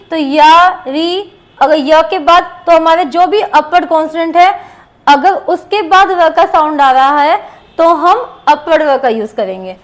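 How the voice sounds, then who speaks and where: An Indian woman teaches a shorthand class with a high voice. She moves slowly and deliberately, saying each example word aloud more than once as she explains the rules. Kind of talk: explaining a lesson step by step.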